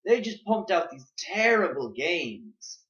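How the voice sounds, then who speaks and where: A man's voice: sing-song, slow, fairly bright tone. A young man co-hosting a casual gaming podcast, rambling with lots of fillers. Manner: rambling, lots of "like", jumps up and down in pitch. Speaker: podcast co-host. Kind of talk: casual chat. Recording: echoey room, muffled lo-fi mic.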